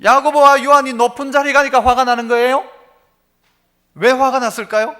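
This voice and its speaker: Male preacher in a church sanctuary, bright forceful tone, keeps quizzing the congregation. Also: very high-pitched, little pitch movement, moderate pace. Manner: asks the congregation rhetorical questions. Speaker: pastor. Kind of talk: sermon.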